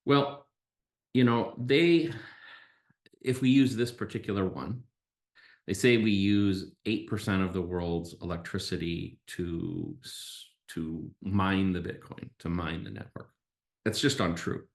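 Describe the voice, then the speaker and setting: A man's voice: low voice, a little slow. A man hosting a podcast, delivering an opinionated monologue and explaining his points emphatically, step by step. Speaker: podcast host. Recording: roomy, echoey sound.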